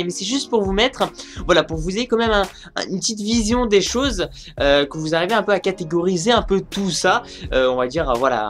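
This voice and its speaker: A man's voice: sits high, a bit bright. A young man talking casually about game sales figures for his video channel, rambling with lots of fillers and restarts. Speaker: gaming news YouTuber.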